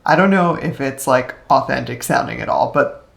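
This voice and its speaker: A woman's voice: very deep voice, animated, moderate pace, creaky. A woman co-hosting a podcast, in a chatty, casual film discussion with frequent laughs. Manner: chatty, laughs often, uses fillers. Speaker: podcast co-host.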